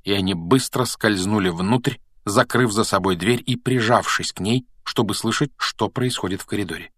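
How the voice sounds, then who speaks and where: Low-voiced male audiobook narrator. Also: moderate pace, fairly bright tone, no echo, studio quality. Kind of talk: scripted narration.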